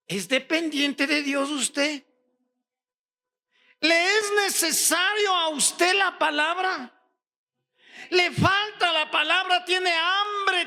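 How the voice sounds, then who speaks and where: With an extremely high-pitched male voice, a pastor from Ecuador delivers a sermon full of rhetorical questions aimed at the congregation, breaking into shouts on the key points.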